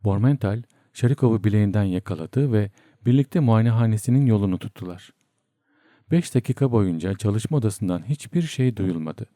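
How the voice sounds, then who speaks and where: A man reading a novel aloud in steady, measured audiobook narration. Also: lowish voice, no echo, studio quality.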